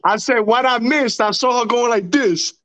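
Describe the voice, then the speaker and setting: A man's voice: very high-pitched, normal speed, fairly bright tone, dry recording. A man co-hosting a casual podcast, laid-back, chiming in and asking questions. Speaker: podcast co-host.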